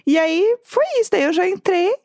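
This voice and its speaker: A Brazilian woman with a Brazilian Portuguese accent, telling a story in an animated casual chat with frequent laughter, over a video call. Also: very high voice, moderate pace, no echo. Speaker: podcast co-host.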